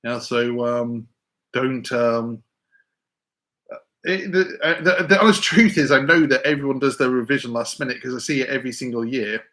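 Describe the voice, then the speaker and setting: Reading chat messages aloud as he goes, a physics teacher answers exam questions from viewers on a live stream, rambling and restarting often with stammers. He talks at normal speed in a mid-range voice with a sharp tone.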